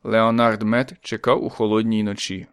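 A man narrating a story in a calm, measured audiobook reading. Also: fairly low pitch, smooth.

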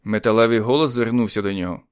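A man narrating a story in a calm, measured audiobook reading. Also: lowish voice, smooth, no room sound, studio quality.

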